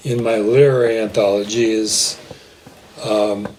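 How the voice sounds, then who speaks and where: A man co-hosting a podcast, speaking in a relaxed, measured way while reading out facts. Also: on the low side, a little hiss or hum. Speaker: podcast co-host. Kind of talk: casual chat.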